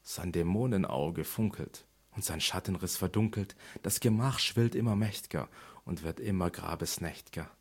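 A man reading a poem aloud with declamatory delivery, swelling into urgent outbursts and sinking into slow, hushed refrains. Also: low-pitched, husky. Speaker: audiobook reader. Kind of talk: dramatic poetry recitation.

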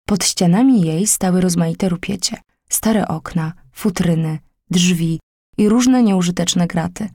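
A woman narrates an old tale as an audiobook, measured and dramatic. Her voice has a husky, breathy grain. The recording is close and dry. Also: lowish voice, dark tone, no echo.

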